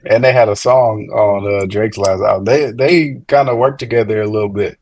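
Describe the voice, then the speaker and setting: A man's voice: on the low side, normal speed, a little mellow. A man in casual hip hop chat, laid-back, asking his friends questions. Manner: laid-back, asks questions, laughs often. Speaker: podcast co-host.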